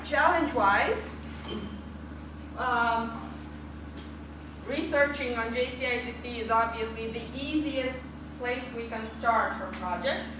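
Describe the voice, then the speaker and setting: Brisk woman presenting in an echoey room. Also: on the high side. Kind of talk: group presentation. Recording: echoey room from far off with noise.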